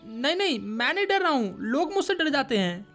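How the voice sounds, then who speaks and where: A woman's voice: high-pitched, very animated, fairly quick, a bit bright, faint music behind, full character voice. A woman voicing a shy, bitter fourteen-year-old boy who talks defensively and sounds hurt. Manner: defensive, wounded, insistent.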